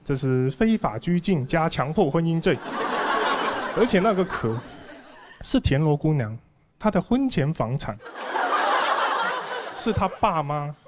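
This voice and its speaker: With long pauses and a slightly slow delivery, a comedian in his thirties speaks into a handheld mic on a big TV studio stage, his high-leaning voice swinging widely in pitch. He tells conversational stories with mock outrage while the audience is clearly heard in the background.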